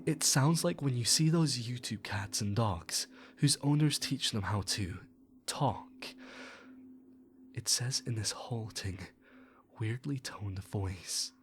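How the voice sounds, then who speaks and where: A man reads a horror story aloud in a low voice, taking his time over every line. His telling is measured and unhurried, slipping into hushed tones. A faint hiss sits under the voice.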